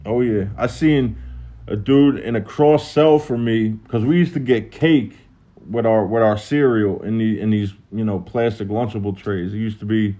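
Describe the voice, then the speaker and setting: A man with a Philadelphia accent telling a prison story on a live stream, casual and profane, acting out other people's lines in a higher voice. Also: normal speed, mellow, dull audio.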